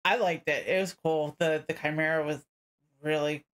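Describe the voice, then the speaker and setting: A woman's voice: low-pitched, steady tone, normal speed. A woman co-hosting a TV reaction, chatting casually, laughing often and reacting with short exclamations. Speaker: co-host of a TV reaction channel.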